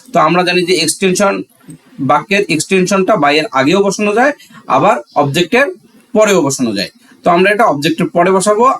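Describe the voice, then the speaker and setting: An English grammar teacher with a Bangladeshi accent explains a lesson classroom-style, step by step. His voice is high-pitched and fairly bright, and his didactic manner has him repeating key phrases and posing questions he then answers himself.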